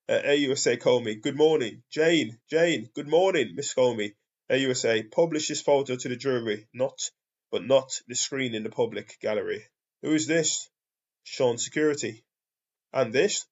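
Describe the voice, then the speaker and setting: A man's voice: medium pitch, lo-fi sound. A British man, a commentator, reading out trial testimony in a plain voice and reacting to it. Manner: reads transcript flatly, then rants loudly with laughter.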